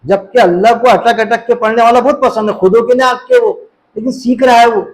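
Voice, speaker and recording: This Islamic preacher, a middle-aged man, has an extremely high pitch and a steady tone, and he moves along briskly. In a relaxed, conversational sermon he poses rhetorical question after rhetorical question and does voices for the people in his anecdotes. The recording is rough.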